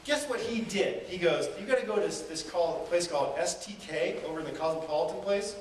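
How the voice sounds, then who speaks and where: Speaking in a high voice at a brisk clip, this man energetically works an event hall crowd, sharing stories and firing off rhetorical questions. The motivational seminar is captured from far away, with echo and a little noise.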